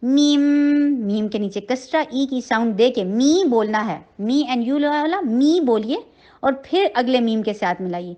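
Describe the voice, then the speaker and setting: A woman teaching Quran recitation, slowly drawing out the verses between patient, encouraging explanations. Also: fairly high pitch, lively intonation. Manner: slow drawn-out recitation between patient spoken instructions; gentle, encouraging. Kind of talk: tajweed lesson, recitation with explanation.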